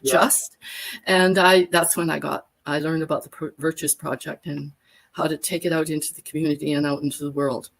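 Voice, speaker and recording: Brisk and creaky, with fairly even intonation, this low voice is heard on poor audio. The speaker is an older workshop facilitator from Alberta, Canada, a guest in a casual live-stream conversation who tells her story at length in long, detailed, chatty answers.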